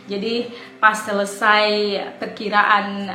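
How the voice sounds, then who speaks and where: A woman's voice: medium pitch, flat delivery, slow, pushed and bright. Chatty Indonesian woman in a roomy echo. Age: 20s. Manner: chatty, laughs often, rambling. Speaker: vlogger. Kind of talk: casual chat. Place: home in the Netherlands.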